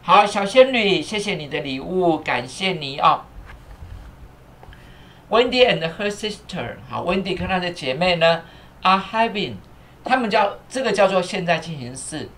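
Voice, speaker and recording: A man's voice: sits high, expressive, unhurried, bright, forceful tone. A man teaching English on a live stream. He spells words out letter by letter, repeats each phrase, uses many fillers, and thanks viewers as he goes. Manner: thanks viewers and asks the crew to fix captions.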